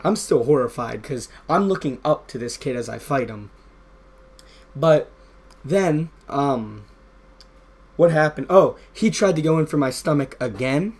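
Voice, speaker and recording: A young man tells a story in a loose, rambling way. He leans on fillers and side remarks as he goes. His voice sits a little high for a man. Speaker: gaming vlogger. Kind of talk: casual storytime over gameplay.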